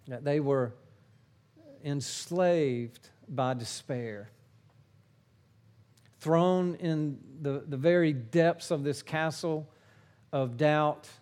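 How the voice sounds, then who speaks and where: Slow, earnest male preacher. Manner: slow, earnest preaching, swinging between forceful emphasis and hushed low phrases. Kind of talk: sermon.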